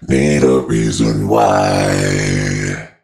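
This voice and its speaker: A woman's voice: drawn-out words, darkish tone. Woman's vocal formant shifted into a monster voice. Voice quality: gravelly, glitchy, buzzing. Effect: formant and pitch shifted far down into a deep monster voice. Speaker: demo vocal sample. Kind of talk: repeated sung vocal sample demo.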